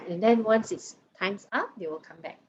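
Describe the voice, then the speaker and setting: A woman's voice: mid-range voice, normal speed, a little hiss or hum. Malaysian auntie-age woman, chatty singlish style with malay bits, dull online call sound. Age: middle-aged. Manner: Singlish-style colloquial English with lah and mah, mixed with Malay. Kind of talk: casual chat. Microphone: video call. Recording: muffled video call audio.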